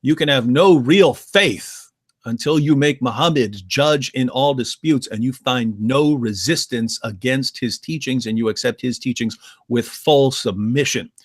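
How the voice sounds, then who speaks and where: A man speaking as a guest on a live-stream discussion, emphatic and argumentative with quick asides. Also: medium pitch, no echo, clean studio sound.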